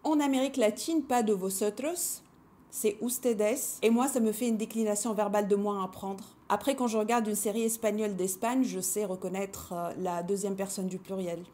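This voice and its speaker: A woman hosting a language-learning video, talking to the camera in a measured, reflective way and posing rhetorical questions to her viewers. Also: mid-range voice, steady tone, dark tone. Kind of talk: reflective scripted talk to camera.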